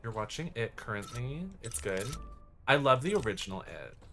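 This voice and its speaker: While playing a game, a live streamer chats casually with viewers and delivers commentary in a campy, exclamatory drag-slang style. The voice is medium-pitched, bright and forceful, with lively intonation at a moderate pace.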